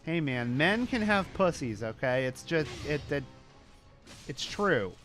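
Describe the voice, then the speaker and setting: A man's voice: on the high side, very animated, measured pace, a bit bright, soft background music. A male streamer chatting casually while playing, ranting with swearing and self-mocking jokes. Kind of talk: casual gaming stream chat.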